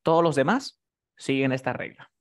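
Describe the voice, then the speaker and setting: A man's voice: mid-range voice, lively intonation, moderate pace. A man teaching a class, explaining rules patiently and often checking that his student has understood. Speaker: English teacher.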